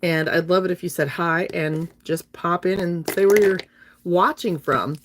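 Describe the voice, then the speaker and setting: A woman in her fifties speaks with a low, deep-set voice. She talks to her viewers in a chatty, friendly way while doing her makeup on a livestream. A slight lingering cough stays with her. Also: fairly even intonation, moderate pace, a little hiss or hum. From North Alabama, USA. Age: 50s.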